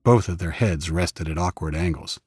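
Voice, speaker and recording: A man with a very low, husky voice reads an audiobook in first person. His delivery is steady and measured, close to the mic in a dry space. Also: no echo. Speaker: audiobook narrator.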